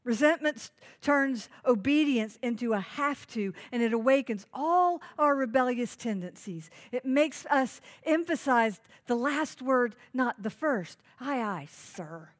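A woman pastor delivers a sermon in a fairly high voice. She leans hard on key phrases and repeats them so listeners can write them down. She keeps putting direct questions to the congregation. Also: animated, a little slow, hardly any pauses. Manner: emphatic, repeats key phrases for note-taking.

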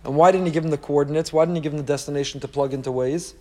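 New man preaching, higher-pitched voice. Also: steady tone, very fast, darkish tone. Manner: emphatic, rhetorical questions, repeats key phrases for effect. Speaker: rabbi teaching a class. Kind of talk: sermon, Torah lecture to a live group.

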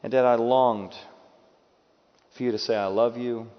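Speaking unhurriedly in a steady, mid-range voice, a pastor preaches in a spacious hall where a long reverb follows his words. He performs the voices of those he quotes and shifts between loud bursts and soft, hushed moments. The recording comes across muffled and dull.

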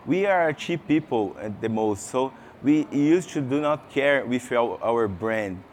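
Animated and medium-pitched, a man from Brazil delivers a conference talk with a Brazilian accent, Portuguese being his first language. A little hiss or hum can be heard in the session room. His speech halts frequently with fillers and restarts, and he asks the audience questions.

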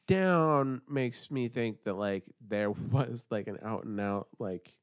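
A man co-hosting a casual podcast in a dry, drawn-out way. He strings thoughts together with many filler words, and his voice sits at an ordinary pitch. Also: smooth. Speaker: podcast co-host. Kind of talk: casual chat.

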